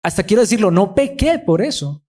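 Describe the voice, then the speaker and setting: Male pastor, sermon delivery, earnest, lightish mellow voice with swells of emphasis. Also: high-pitched, very animated, fairly quick. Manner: earnest, rises and falls in emphasis.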